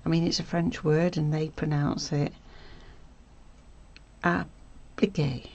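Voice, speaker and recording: A woman hosting a casual stitching tutorial, chatty and self-correcting, often dropping to a soft murmur as she works. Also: low voice, level tone, normal speed, dull audio. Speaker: sewing tutorial host.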